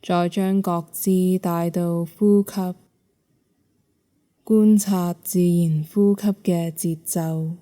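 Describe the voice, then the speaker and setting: A woman with a Hong Kong Cantonese accent guides a yoga nidra meditation, her voice on the low side and steady in tone. She speaks softly and in a measured, soothing way, leaving long pauses.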